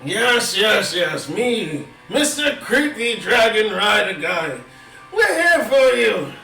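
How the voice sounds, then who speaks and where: A man voicing a creepy, boisterous male dragon rider whose loud voice is magically amplified, gloating slowly at a tabletop game. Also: big pitch swings, vocal fry, echoey room, far from the mic, soft background music, exaggerated voice. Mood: mocking. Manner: loud, slow, gloating, theatrical. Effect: magically amplified booming voice. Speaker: game master.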